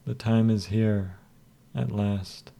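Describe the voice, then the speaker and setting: A man voicing a cruel, scheming male hypnotist who speaks slowly and softly in a commanding way. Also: fairly low pitch, fairly even intonation, vocal fry. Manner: slow, soft, commanding.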